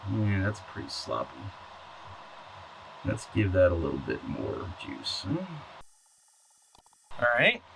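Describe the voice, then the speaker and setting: An electronics repair hobbyist hosts a video, talking casually and unscripted while doing hands-on work, muttering to himself and answering his own questions. His voice is low-ish and sharp, and the poor audio carries clear background noise with clicking and clatter.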